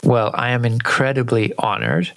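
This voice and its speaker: A man hosts a podcast conversation, his voice at a middle pitch. He explains ideas calmly and steadily. The recording is dry and close, with no room sound. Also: normal speed, gravelly, no room sound. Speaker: podcast host.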